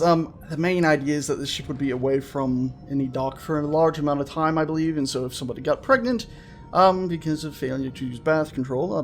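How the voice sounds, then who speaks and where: A gaming video host with a fairly high-pitched voice gives loose, rambling let's play commentary, frequently cutting himself off with playful phrasing. Game music plays, and there is slight background noise.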